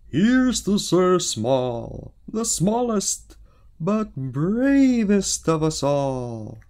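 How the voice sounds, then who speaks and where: Man putting on a booming storybook king, high strained shouts, very slow, gravelly. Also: sing-song, heavily acted. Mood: grand. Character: booming old king, mocking then grand.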